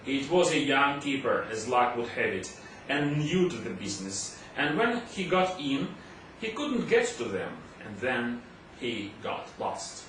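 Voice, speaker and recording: A man reads a humorous classic story aloud as a scripted audiobook narrator, his medium-pitched, fairly bright voice swinging widely in pitch at a measured pace. The recording sounds very echoey, with a distant mic and faint noise.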